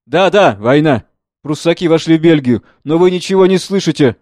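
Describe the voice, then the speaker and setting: A man reads the part of a middle-aged gentleman, grave and shaken. He speaks in a measured, somber way, a little above his own pitch. The recording is close and dry. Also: animated, dry recording, close to an everyday voice. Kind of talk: dramatic play reading.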